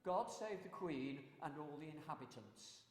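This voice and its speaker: A man playing a pompous old-time town crier, proclaiming formal public notices in a loud ceremonial manner. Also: on the high side, expressive, moderate pace, voice pushed down, close to an everyday voice. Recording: echoey hall with long reverb.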